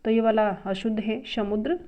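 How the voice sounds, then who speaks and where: A woman teaching a spelling and grammar lesson at a brisk pace, drilling word after word and naming each new word louder and higher. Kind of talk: exam-prep grammar lesson. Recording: dull lo-fi sound.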